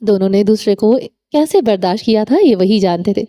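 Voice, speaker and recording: A woman narrating a romance novel audiobook with steady, dramatic storytelling. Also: mid-range voice.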